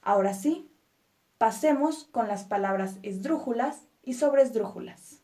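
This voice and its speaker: Slow patient woman teaching a lesson. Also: on the high side, animated, mellow. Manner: patient, stresses syllables one by one; reassuring rhetorical questions to viewers. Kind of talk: explanatory spoken lesson.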